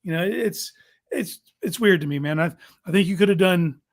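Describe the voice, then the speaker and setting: A man's voice: sits high, moderate pace. A man hosting a casual sports talk show, making his points informally and emphatically, repeating them for stress.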